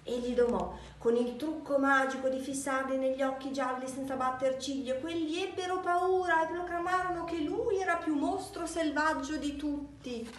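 A woman reading a children's picture book aloud for a library, with slow, deliberate storytelling. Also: high voice, a little hiss or hum. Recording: echoey room, distant mic.

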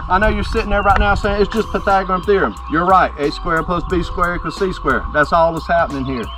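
A middle-aged man presenting an outdoor how-to demonstration, plain-spoken and explaining step by step to viewers. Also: sits high. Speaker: company presenter. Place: outdoors by a driveway on a sunny rural property.

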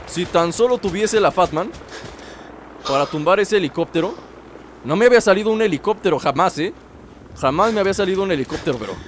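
A young man giving jokey let's-play commentary, talking straight to his viewers and yelling when startled. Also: high voice, noisy background. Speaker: gaming YouTuber.

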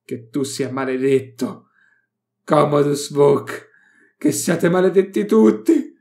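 A man's voice: fairly high pitch, normal speed, darkish tone, voice pushed up, natural voice. A man voicing a gleeful, scheming male scholar of alien lore, mocking and triumphant in a theatrical way. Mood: furious cursing.

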